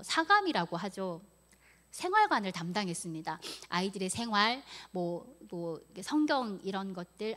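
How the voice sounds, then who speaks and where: A woman in her thirties preaching a sermon, telling a personal story, acting out quoted prayers and sometimes dropping to a hushed whisper. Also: mid-range voice.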